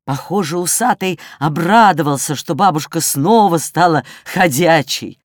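A woman narrating a children's story aloud, expressive and animated in her telling. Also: deep voice, a little slow, no echo, clean studio sound. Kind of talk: children's audiobook reading.

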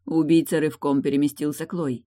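A woman reading a novel aloud as an audiobook narrator, steady and even. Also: low-pitched, a little fast. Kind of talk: scripted narration.

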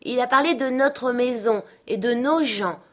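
A woman reader voicing a spoiled, haughty young girl who is quick to tears, speaking imperiously. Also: fairly high pitch, fairly bright tone, pitched above the performer's own voice. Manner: imperious, indignant. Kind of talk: audiobook character voice.

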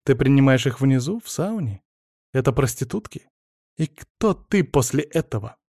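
A man's voice: medium pitch, expressive, moderate pace, dark tone, husky, no echo, studio quality. A man voicing a bitter, wounded young wife. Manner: bitter, reproachful. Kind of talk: audiobook character reading.

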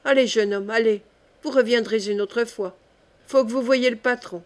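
A big, sullen workman, read by a woman, talks in a raspy, blunt, dismissive way. He waves off questions in short, gruff replies. It comes from an audiobook reading. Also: on the high side, fairly even intonation, normal speed, natural voice.

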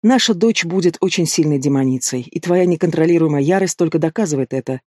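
A man voicing a male demon prince who speaks in an even, cool, teasing way, read as an audiobook character. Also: on the high side, quick pace, no echo, clean studio sound, lightly acted. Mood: soothing. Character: calm mocking demon prince, male adult.

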